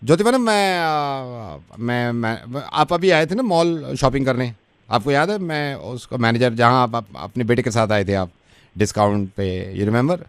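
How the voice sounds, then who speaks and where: Guy radio host pulling a prank call, pitch jumps all over, clean crisp voice, dry studio sound. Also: lively intonation, measured pace, dry recording. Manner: playful, feigns innocence while needling.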